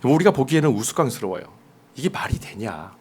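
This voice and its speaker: A man's voice: mid-range voice, big pitch swings, a little fast, darkish tone, slightly rough. A man preaching a sermon as pastor, talking conversationally and putting questions straight to his congregation. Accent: mostly standard Seoul Korean, dialect suppressed. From Jeolla, South Korea.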